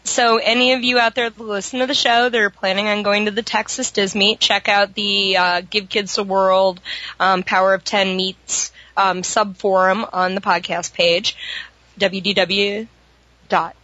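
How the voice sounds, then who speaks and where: Bright-voiced woman chatting on a podcast. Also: mid-range voice, flat delivery, measured pace, no room sound, dull audio. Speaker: podcast panelist. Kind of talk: casual chat.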